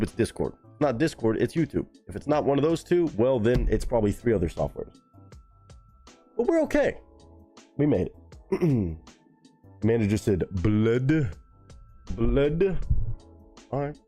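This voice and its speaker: A man chatting casually on a live stream, his voice moving in a lively, animated way. He talks loosely and swears freely while answering his chat. Faint music plays behind him. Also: lowish voice.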